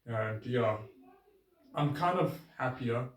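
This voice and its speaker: A man vlogging a casual, rambling self-reflective monologue, his voice drifting between a trained register and a softer natural one. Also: mid-range voice, lively intonation, takes it slowly. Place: outdoors with his bike. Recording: roomy, distant camera sound.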